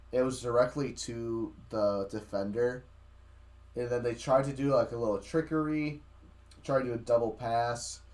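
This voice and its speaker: A man's voice: mid-range voice, a little mellow. A man co-hosting a sports podcast, chatting in a laid-back way about football news. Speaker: podcast co-host. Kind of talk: casual sports chat.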